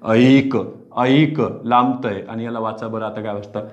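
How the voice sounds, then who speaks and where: A man teaching a pronunciation lesson, repeating words aloud slowly, stretching out sounds and answering his own questions. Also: mid-range voice, fairly even intonation. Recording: slightly dull lo-fi sound.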